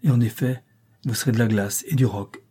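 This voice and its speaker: A tormented middle-aged gentleman speaks with impassioned urgency, as a man reading the story voices him. The voice is dark and mellow, with a husky edge. He pleads and argues as if hurt. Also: medium pitch, a little fast.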